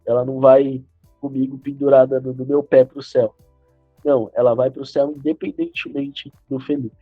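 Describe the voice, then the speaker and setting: A man with a Brazilian Portuguese accent, a podcast guest speaking in a measured, reflective way. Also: mid-range voice, flat delivery, husky, no room sound, soft background music. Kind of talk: casual podcast chat. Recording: dull lo-fi sound.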